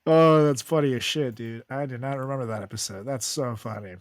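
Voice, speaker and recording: A man's voice: medium pitch, a little fast, dry recording. A man co-hosting a podcast talks in casual chat, laughing easily and tossing out crude jokes. His mid-range voice comes through a dry, dead recording with no room sound. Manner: laughing, crude joking banter. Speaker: podcast co-host.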